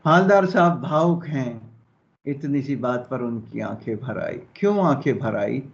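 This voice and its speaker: A man's voice: medium pitch, expressive, a little slow, gravelly. A male Hindi teacher explaining a story in a lesson, checking in with his students as he goes. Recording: dull lo-fi audio.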